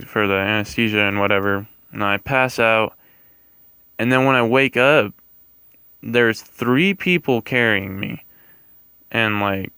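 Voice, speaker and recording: A young man tells a personal story in a casual vlog style. His voice is slightly low but bright and very clear, recorded dry and close. He rambles a little, hesitating and correcting himself as he goes. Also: no room sound. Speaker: vlogger.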